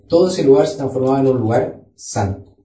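A man preaches a Bible study, reading scripture aloud to his congregation. His voice is dark and mellow, and it comes from a distance in a roomy, echoing church hall. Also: mid-range voice, lively intonation, a little fast. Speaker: pastor. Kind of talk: sermon. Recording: echoey room, voice from far off.

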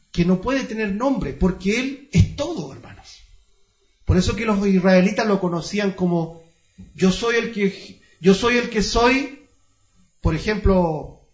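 High-voiced preacher in a roomy hall. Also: male voice, darkish tone, muffled recording. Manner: reads scripture slowly, stressing each phrase; addresses listeners as brothers, asks rhetorical questions. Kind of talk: Bible-study sermon.

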